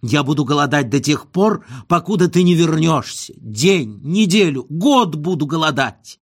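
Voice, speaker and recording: A pompous, self-pitying husband, voiced by a male audiobook reader, wails his lines in a slow, nasal drawl. Each overwrought plea is dragged out and declaimed like tragic verse, riding a raised pitch that swoops up and down. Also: animated, breathy edge, full character voice. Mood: indignant. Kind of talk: comic audiobook reading.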